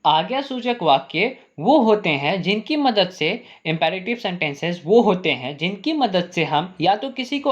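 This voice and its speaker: A male English teacher explaining grammar, asking the class rhetorical questions and repeating "ठीक है?" while saying example sentences slowly. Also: high voice, lo-fi sound.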